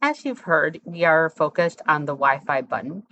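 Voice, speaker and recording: A woman instructor talking through a software tutorial step by step, in a conversational, explanatory way. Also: deep voice, sing-song, normal speed, lo-fi sound.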